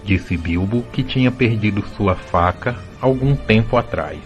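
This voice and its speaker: A storyteller with a Brazilian accent reads a fantasy audio drama at a measured pace. His voice sits fairly low, and soft music plays underneath.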